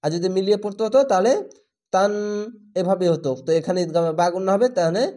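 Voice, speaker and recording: High-voiced man teaching Quran reading slowly. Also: dark tone. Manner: stretches recited words very slowly, then explains rules plainly. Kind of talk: slow spelled-out recitation lesson.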